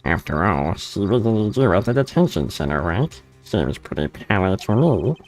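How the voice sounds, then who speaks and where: A man's voice: low-pitched, big pitch swings, moderate pace, soft background music. A man doing a smug caller in a disguised voice. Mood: taunting. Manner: smug, mocking, sing-song. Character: taunting mystery caller with a disguised voice. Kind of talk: reading game dialogue aloud.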